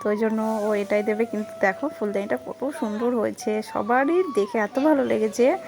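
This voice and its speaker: A woman's voice: fairly high pitch, normal speed. A woman, a mother chatting to her viewers in a casual family vlog at home. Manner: chatty, addresses viewers directly. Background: background music.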